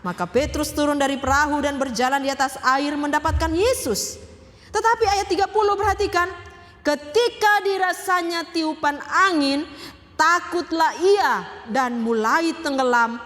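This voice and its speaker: A woman's voice: high voice, a little slow, fairly bright tone, big-room sound. A woman pastor giving a sermon. She speaks emphatically, asks the congregation questions and repeats key phrases.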